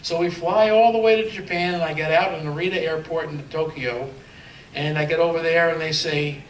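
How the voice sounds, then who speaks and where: A man's voice: on the high side, fairly even intonation, a little fast. A man telling a circus touring story on a convention panel, chatty and laughing through his punchlines. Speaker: panelist, former circus clown. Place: convention hall. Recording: echoey hall, distant mic, background noise.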